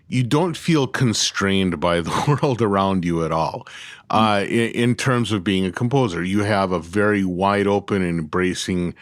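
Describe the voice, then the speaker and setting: Male podcast host, low and dry, curious interviewer. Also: no room sound. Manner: curious, rambling questions. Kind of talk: casual interview conversation.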